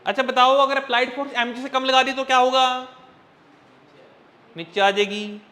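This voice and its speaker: Guy teaching physics in a classroom, high bright voice, keeps asking the kids stuff. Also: fairly even intonation. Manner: quizzes students constantly, coaxing and brisk. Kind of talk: classroom lecture.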